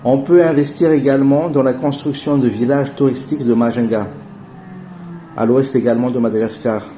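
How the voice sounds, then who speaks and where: A man in his forties giving an earnest, persuasive investment pitch as voice-over narration, addressing his viewers as family. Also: steady tone, brisk, dark tone, slight background noise. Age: 40s. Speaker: channel host pitching an investment project.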